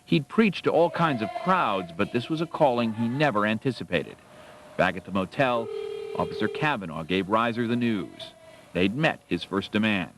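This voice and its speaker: Animated male documentary presenter. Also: lowish voice, normal speed. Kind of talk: dramatic scripted narration.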